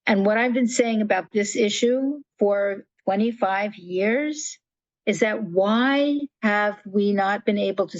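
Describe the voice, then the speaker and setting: A woman's voice: medium pitch, no echo, lo-fi sound. An older woman telling stories as a guest in a conversational interview, restarting sentences and acting out quotes. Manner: animated storyteller, acts out quotes, restarts often. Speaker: guest, nonprofit founder.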